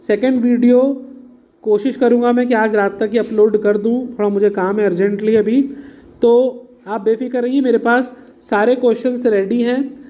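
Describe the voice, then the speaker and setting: A man's voice: sits high, mellow. A man teaching an exam-prep lesson, explaining patiently, mixing in English words and calling his students "beta". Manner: mixes English words into Hindi.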